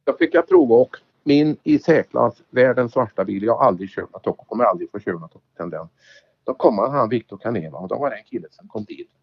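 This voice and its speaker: A former rally driver swaps stories in casual chat, acting out the exchanges he quotes. His medium-pitched voice swoops wildly, sounding creaky and slightly rough, on a dull lo-fi recording.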